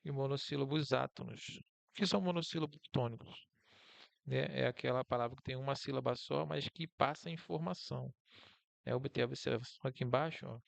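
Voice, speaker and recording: Brazilian guy teacher going thru slides, super gravelly, dry close mic. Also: mid-range voice, no room sound. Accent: Brazilian Portuguese. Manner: casual, encouraging, talks through slides. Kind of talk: online lesson with slides.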